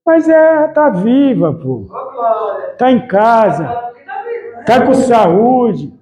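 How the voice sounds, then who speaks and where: An informal sermon from a pastor who talks colloquially and mimics his relatives' voices to act out daily speech. He speaks extremely slowly in a very high, sing-song voice. A crowd can be heard behind him, and the recording is rough.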